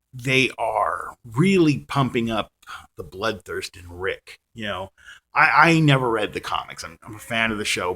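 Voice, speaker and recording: Husky rambling man with a lively, lowish voice. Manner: rambling, full of "you know" and restarts; self-deprecating, opinionated. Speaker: vlogger reviewing a TV episode. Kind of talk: casual rant to camera.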